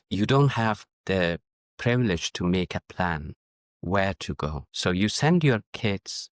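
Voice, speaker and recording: A middle-aged Afghan man whose first language is Farsi, a diplomat and educator appearing as a guest, answers interview questions in a measured, reflective way. His voice sits low, and he searches for words, frequently restarting sentences. The studio sound is clean, with no echo.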